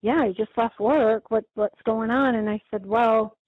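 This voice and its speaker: A middle-aged woman tells a story, acting out each back-and-forth and stumbling over restarts as she goes. Her voice comes through a thin, phone-like channel with a dry, close sound and a faintly husky edge. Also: on the high side, a little slow, dry recording. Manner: lively retelling with many quoted exchanges and restarts. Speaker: guest telling of a scam call. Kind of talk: conversational storytelling. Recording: tinny phone-like line, dry.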